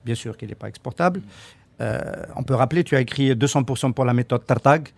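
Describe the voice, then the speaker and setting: A man's voice: mid-range voice, fast talker, gravelly. A man from Algeria on a radio panel discussion, hesitant and full of repeated words and fillers.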